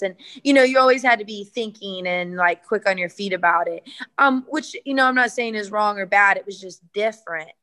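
A young adult woman fighter from the United States answers interview questions earnestly in a sharp-toned, mid-range voice. Her answers come with many fillers and restarts.

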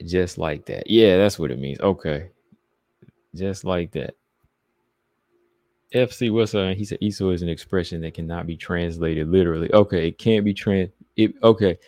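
A man's voice: deep voice, normal speed, dark tone, no echo, studio quality. A man from the American South with a Southeastern accent, hosting a casual livestream and rambling loosely as he reads chat comments aloud. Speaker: podcast host reading live chat.

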